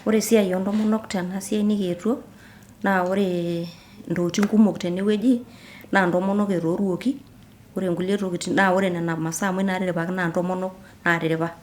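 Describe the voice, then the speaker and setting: Kenyan woman, lowish voice, calm and steady, doc interview. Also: quick pace, slight background noise. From Narok, Kenya. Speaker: Maasai delegation member. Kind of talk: documentary interview.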